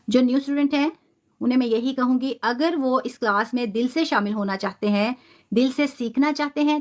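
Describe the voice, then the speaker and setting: A woman with a high voice teaches a live online tajweed lesson. She repeats each term patiently and stretches out example sounds slowly. Her explanations are sprinkled with English words. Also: a bit bright.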